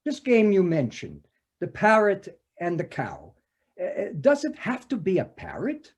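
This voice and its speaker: The same comic detective role is heavily acted, pompous and obliging, delivered very slowly and with deliberate formality. His pitch swoops wildly as he hesitates over wordy phrases, and his voice carries a breathy edge.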